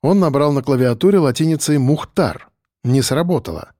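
A man narrating an audiobook in a steady, even storytelling voice. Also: mid-range voice, normal speed, dry recording, clean studio sound.

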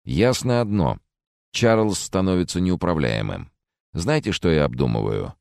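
A man voicing a cold, detached young man who speaks flatly and with contempt, in an audiobook. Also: low-pitched, a little slow, smooth, dry recording, exaggerated voice. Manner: flat, contemptuous.

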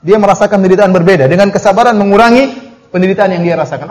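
High-voiced man preaching animated exegesis. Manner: animated, mocking asides, slow chanted Arabic recitations. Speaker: Islamic preacher. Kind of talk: Quran exegesis lecture.

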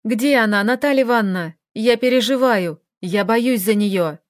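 A woman's voice: fairly high pitch, moderate pace, dry recording, clean studio sound, natural voice. A woman voicing a frightened young man who pleads anxiously. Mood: anxious desperate.

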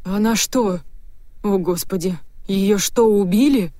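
A woman reading an audiobook, voicing a nervous middle-aged husband who keeps breaking into agitated, shrill outbursts. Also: moderate pace, dry recording, studio quality, close to an everyday voice. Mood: hysterical.

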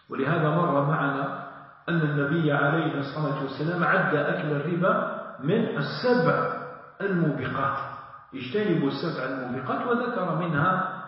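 A high-pitched male sheikh with an Algerian Arabic accent gives a teaching lesson, mixing formal Arabic with dialect. He repeats his points and keeps checking in with the audience. The sound is dull and lo-fi, with heavy, long reverb from a large hall. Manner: repeats key phrases and prompts listeners with "ha?". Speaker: sheikh teaching Islamic law.

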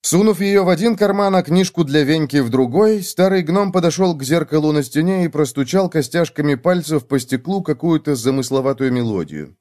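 A male narrator reading a scripted children's audiobook. His telling is expressive, his pitch moving up and down freely as he tells the tale. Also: brisk, few pauses. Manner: expressive storytelling.

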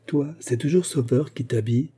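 A man voicing a sharp-eyed, thrifty young mother who speaks briskly. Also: medium pitch, breathy edge, close to an everyday voice. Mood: practical.

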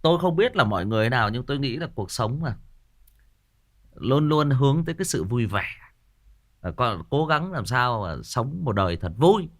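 A man's voice: mid-range voice, very animated, normal speed. A man, hosting a ghost story channel in a casual livestream chat. He talks in a playful, joking way and often repeats words while searching for the next one.

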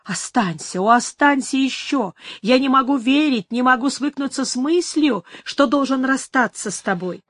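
A woman's voice: high voice, expressive, moderate pace, hardly any pauses, fairly bright tone, dry recording, studio quality, pitched above the performer's own voice. A woman reading the lines of a passionate young nobleman in an audiobook, pleading and exclaiming. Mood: impassioned.

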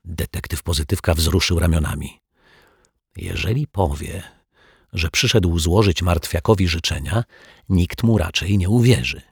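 A man narrating a children's story in a calm, measured reading voice. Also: deep voice, husky, no room sound, clean studio sound. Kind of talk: audiobook storytelling.

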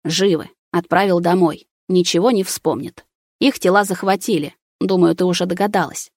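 A woman's voice: lowish voice, fairly even intonation, normal speed, a little mellow, no echo, studio quality. A woman voicing a cold, menacing ancient male being who speaks in clipped, commanding phrases.

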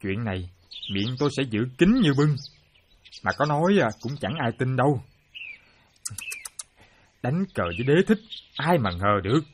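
A man doing an excitable, boastful ex-soldier. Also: medium pitch, brisk, slight background noise, close to an everyday voice. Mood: earnest. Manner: excitable, exclamatory. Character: excitable boastful former soldier, a chess fan. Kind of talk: radio play acting.

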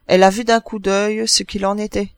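A man reading an audiobook, voicing a gruff, kindly old neighbor woman who chats bossily. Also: high-pitched, flat delivery, fairly quick, dry recording. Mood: gossipy. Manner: bustling, bossy, chatty.

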